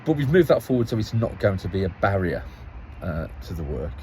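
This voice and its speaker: A man's voice: sits low, very animated, fairly quick, warm tone, slight background noise, low-quality recording. Rambling male councillor outdoors. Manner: rambling, repeats and restarts phrases. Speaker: local parish councillor. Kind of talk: casual spoken account.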